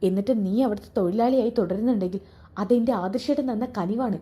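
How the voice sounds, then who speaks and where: A woman's voice: medium pitch, a little fast, warm tone, natural voice. A woman voicing a loyal young woman who scolds and warns her brother-in-law. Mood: indignant. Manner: scolding, warning.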